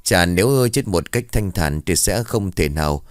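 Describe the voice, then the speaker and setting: A man's voice: low voice, animated, normal speed, dry recording, studio quality. A man voicing a young ritual master who earnestly consoles a grieving family.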